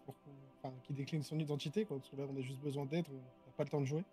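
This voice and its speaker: A man's voice: mid-range voice, steady tone, quick pace, mellow. A man talking casually as a player in a tabletop role-playing game. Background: background music.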